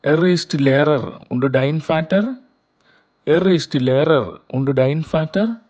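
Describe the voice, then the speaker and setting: A man teaching a beginner German lesson, reading a short dialogue and saying every line twice, slowly and carefully, for learners. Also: fairly high pitch, a little mellow, dull audio. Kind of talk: slow repeated lesson dialogue.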